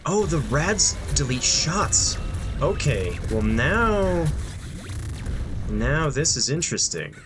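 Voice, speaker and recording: A man's voice: fairly high pitch, sing-song, takes it slowly. A young man giving casual gameplay commentary, thinking aloud with frequent ums and dry asides. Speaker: gameplay streamer. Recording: game music playing underneath. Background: game music.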